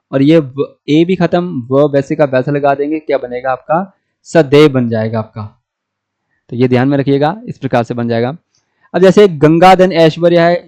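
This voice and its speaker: A man with a North Indian Hindi accent gives a blackboard grammar lesson, taking each example step by step and asking himself rhetorical questions. His voice is fairly high with a darkish tone.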